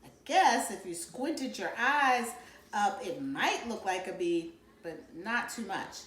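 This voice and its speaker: A woman's voice: mid-range voice, lively intonation, slow pace, a bit bright. A woman reading a novel aloud to children and explaining it as a teacher. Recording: roomy echo.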